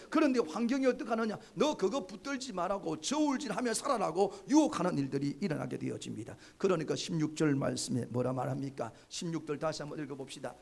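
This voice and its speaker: A man's voice: sits high, gravelly. A male pastor preaching a Sunday sermon in church, asking the congregation questions and having them repeat after him. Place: church sanctuary, live-streamed service.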